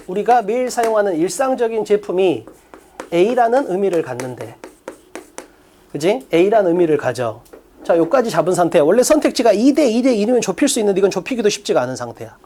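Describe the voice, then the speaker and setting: A man teaching an exam-prep English class, prodding his students with quick rhetorical questions. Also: sits high, mellow, slight background noise. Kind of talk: lecture.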